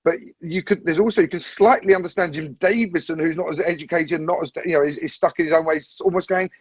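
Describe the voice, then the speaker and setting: Husky man, dry lo-fi sound. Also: on the high side, quick pace, no echo. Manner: thoughtful, circles back to restate points. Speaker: podcast panelist. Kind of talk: casual podcast discussion.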